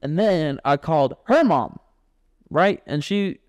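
A man with a smooth, clear voice and a slightly higher pitch, chatting on a podcast. He tells stories with energy and slips into folksy voices now and then. The sound is close and dry. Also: takes it slowly, no echo. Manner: animated storyteller, acts out folksy voices, swears casually. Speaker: podcast co-host. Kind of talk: casual chat.

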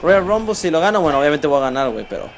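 A man with a Mexican accent narrates his own game with constant excitement and plenty of swearing. His voice sits high, and his pitch jumps around as he talks straight to his viewers. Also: racing. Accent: Mexican Spanish. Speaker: gaming channel host. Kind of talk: let's play commentary.

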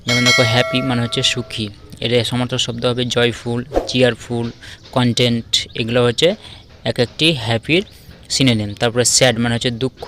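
A man's voice: medium pitch, fairly bright tone, a little hiss or hum. A man teaching English vocabulary, steadily listing each word with its meaning in a Bangladeshi Bengali accent. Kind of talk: classroom-style vocabulary lesson.

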